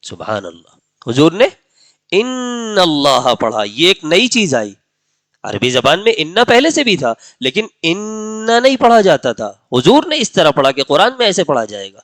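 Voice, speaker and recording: A man's voice: on the high side, sing-song, fairly bright tone, no room sound. Explanatory male religious teacher, dry sound. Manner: explanatory, recites Quranic verses in slow melodic chant. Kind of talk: Urdu religious lecture. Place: mosque lecture gathering.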